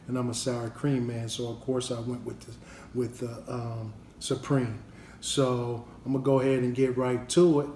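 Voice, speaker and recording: A man talks his way through an eating challenge on his family vlog, chatty and in no hurry. His voice sits at an ordinary middle pitch. The room is echoey, with a faint hiss behind him. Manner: relaxed, unhurried, chatty with fillers. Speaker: family channel vlogger.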